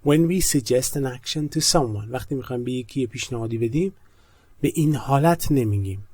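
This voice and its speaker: A man whose first language is Persian teaches English grammar. He explains quickly, then slows down to read example sentences carefully. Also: medium pitch, darkish tone, husky, dry recording. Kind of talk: explanatory lesson.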